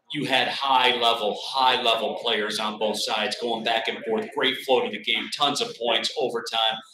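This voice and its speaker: Young male sports radio host, bright, energetic delivery, roomy bar sound. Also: mid-range voice. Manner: energetic, upbeat, fast bursts. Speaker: radio play-by-play announcer hosting. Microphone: table mic.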